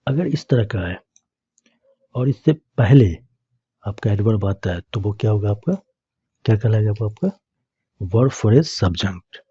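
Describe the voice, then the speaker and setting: A man's voice: fairly low pitch, animated, unhurried, pauses often, warm tone, slightly rough, no room sound, dull audio. A man teaching English grammar, explaining it step by step and answering his own questions to the class. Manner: repeats questions to students and answers them himself.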